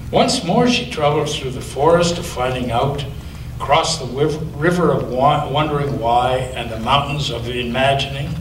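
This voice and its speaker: A man with a voice on the high side, a pastor, reads a children's story aloud in a church with expressive storytelling and occasional slips. The recording is taken from a distance, with a roomy echo and faint hiss.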